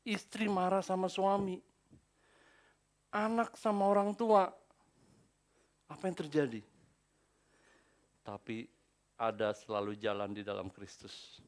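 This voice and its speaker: Male pastor, sermon delivery, playful, swings from muttered asides to loud outbursts, slightly high voice. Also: takes it slowly, pauses often. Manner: playful, acts out quoted people. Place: church service.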